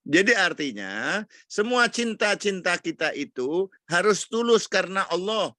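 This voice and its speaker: A man's voice: sits high, very animated, unhurried, sharp tone, no room sound, studio quality. A man teaching a weekly religious study session, preaching earnestly in an Indonesian accent and reciting Arabic verses. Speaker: ustadz giving a weekly study talk. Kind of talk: sermon lecture.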